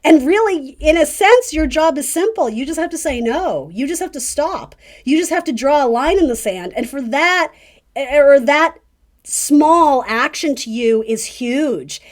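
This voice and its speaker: Unhurried and animated, a woman with a high voice hosts a laid-back tarot reading, addressing the listener directly with encouraging, chatty advice as a video host.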